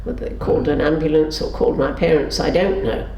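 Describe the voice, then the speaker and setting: An older woman with a dark tone speaks quickly, telling memories for an oral history interview and voicing the figures in her stories. Her storytelling acts out quotes with pitch shifts. Faint background noise comes through the roomy recording.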